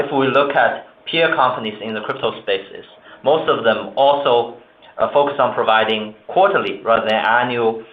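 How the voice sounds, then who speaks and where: A company executive gives remarks and answers questions on an earnings call, speaking formally and in a measured manner in a mid-range voice. The conference call line sounds roomy and narrow, much like a phone.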